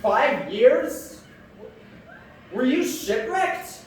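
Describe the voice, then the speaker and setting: An earnest young cabin boy, played by a man on stage, speaks in a raised voice, very slowly and carefully. The voice comes from far off in a very echoey hall. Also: very high voice, big pitch swings, heavily acted. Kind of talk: live stage play. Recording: echoey hall from far off, faint background noise.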